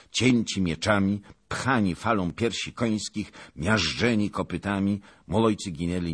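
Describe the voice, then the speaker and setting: Slow, husky male audiobook narrator. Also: deep voice, fairly bright tone. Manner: dramatic, slow and deliberate. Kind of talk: audiobook narration of a historical novel.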